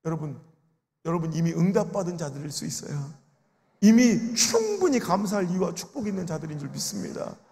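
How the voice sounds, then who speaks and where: A man's voice: high voice, big pitch swings, brisk, a little mellow. A man preaching an emotional revival sermon as a pastor, telling stories and acting out the voices of grieving people. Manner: storytelling, acts out quoted voices with sobbing cries. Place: large prayer retreat sanctuary. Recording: reverberant large worship hall.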